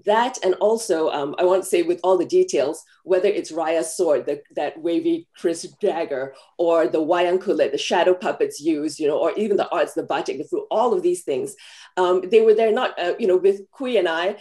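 A woman's voice: fairly low pitch, moderate pace, mellow. A woman from Malaysia, a film screenwriter, answering press questions over a video call in an earnest, thoughtful way with many fillers. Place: home room, video call.

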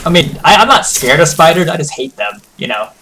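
A man's voice: a little high, big pitch swings, fairly quick, sharp tone, a little hiss or hum. A man co-hosting a casual gaming stream, joking and teasing as he plays. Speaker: stream co-host.

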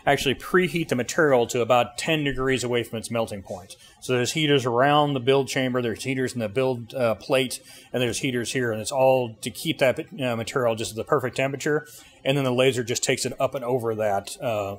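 A middle-aged man who co-owns a service bureau explains his machine informally in interview answers, plain-spoken and pausing as he goes. His voice is medium-pitched. The interviewer holds a handheld mic in an indoor 3D printing workshop, and the machine-room ambience is clearly noisy.

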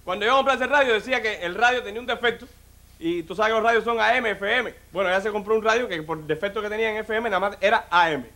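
A man's voice: high voice, fast talker, bright, forceful tone. A man with a Cuban accent doing a stand-up comedy routine on stage, talking straight to the audience with lots of "mira" and "listen". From Cuba. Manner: chatty, addresses the audience directly, lots of "mira" and "óyeme".

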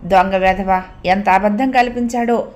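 A woman's voice: mid-range voice, fairly even intonation, moderate pace, close to an everyday voice. A woman voicing a frightened, helpless young woman who pleads anxiously. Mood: pleading.

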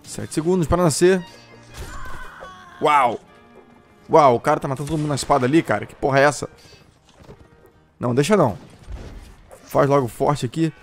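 A young man with a Brazilian accent giving excited gameplay commentary, often breaking into shouts while he chats to his viewers. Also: fairly high pitch, normal speed, pauses often. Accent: Brazilian Portuguese. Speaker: gameplay streamer. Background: faint classical music from the game.

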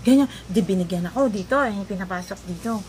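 A woman vlogger telling a personal story in a casual, animated way, often laughing and joking along the way. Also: mid-range voice, quick pace. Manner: animated, laughs at her own story, jokes. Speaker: vlogger recounting a personal ordeal. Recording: noisy ambience behind voice.

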